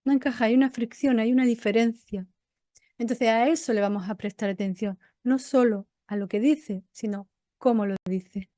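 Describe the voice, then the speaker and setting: A woman teaching an online coaching course as its instructor, explaining in a didactic way and listing items in short, measured phrases. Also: fairly high pitch, mellow, dry recording. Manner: acts out example tones of voice.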